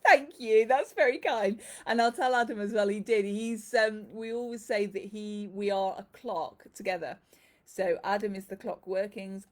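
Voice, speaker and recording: Woman, live shop host, effusive and rambling, mid pitch. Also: a little mellow. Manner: chatty and effusive, greets viewers by name. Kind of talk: casual live-stream chat.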